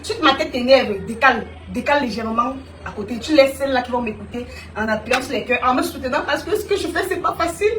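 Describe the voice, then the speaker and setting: High-voiced woman streaming live. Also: quick pace, hardly any pauses, echoey room, distant mic, slight background noise. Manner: animated, teasing, addresses viewers directly. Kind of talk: live stream monologue to viewers.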